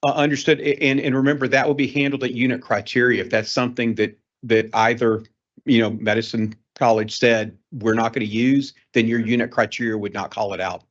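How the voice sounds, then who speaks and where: A man's voice: mid-range voice, fairly even intonation, a little fast. A man presenting a proposal and answering questions at a meeting in an auditorium, accommodating and a little hesitant. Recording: dull lo-fi meeting recording.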